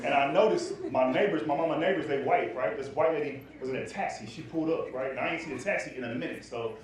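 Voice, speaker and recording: Man doing stand-up, loud animated and cussing, kinda high voice, echoey club w/ crowd roaring. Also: fast. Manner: loud, animated, profane street slang. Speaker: stand-up comedian. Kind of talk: stand-up storytelling. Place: comedy club stage.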